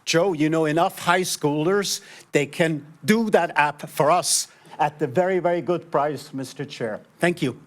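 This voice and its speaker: A man's voice: fairly high pitch, measured pace, slight background noise. A man giving public comment at a town budget meeting, speaking earnestly and directly, often tagging lines with "right?".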